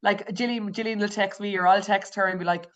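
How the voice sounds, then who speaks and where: A woman with an Irish accent, medium-pitched and fairly even in intonation, talks a little fast. She's a podcast guest in a candid conversational interview, speaking reflectively and openly with frequent restarts and fillers.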